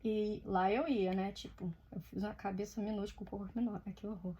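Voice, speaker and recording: A woman's voice: mid-range voice, fairly even intonation, a little fast, warm tone, muffled recording, a little hiss or hum. A Brazilian woman with a Brazilian Portuguese accent who tells her story in a chatty, casual way while she draws. She swears now and then and acts out the lines she quotes. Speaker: artist vlogger.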